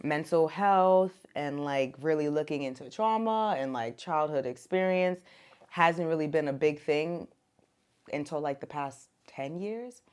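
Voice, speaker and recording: A young woman who was born in Ethiopia and grew up in America speaks as a podcast guest about motherhood. Her low, smooth voice moves a little slowly, and her relaxed, casual talk is full of "like" and "um."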